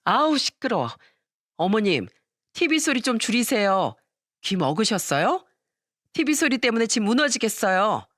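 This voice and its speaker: A woman's voice: on the high side, big pitch swings, normal speed, fairly bright tone, dry recording, studio quality. Woman doing a sneering young daughter-in-law. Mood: snappish. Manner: sneering, snappish. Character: harsh, scornful young wife, a daughter-in-law.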